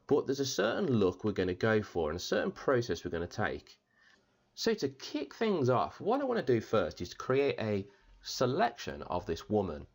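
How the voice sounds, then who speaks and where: A man hosting a step-by-step software tutorial, chatty and upbeat, his voice strained after an operation. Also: lowish voice. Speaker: tutorial host.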